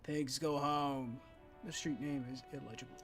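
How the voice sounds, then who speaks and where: A man's voice: mid-range voice, steady tone, normal speed, fairly bright tone, faint music behind. A man streaming a video game, reading the player's dialogue aloud in a dry, matter-of-fact way and commenting on the play.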